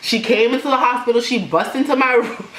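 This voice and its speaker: A young woman vlogger telling a personal story in a casual, animated way, laughing now and then. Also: on the high side, fairly quick. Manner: animated, laughs while telling, imitates others. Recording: echoey room with faint noise.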